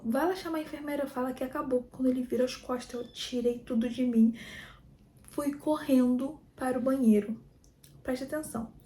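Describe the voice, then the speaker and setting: A young woman from Brazil telling her own story in a chatty, animated vlog, often calling out to her viewers. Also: sits high. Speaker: vlogger. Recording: echoey room.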